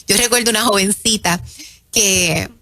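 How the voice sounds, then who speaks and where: A woman preaching in an emphatic sermon style on a radio show, calling her listeners her children and slowing down to stress key phrases. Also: mid-range voice. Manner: warm, emphatic, addresses listeners as "mis hijos".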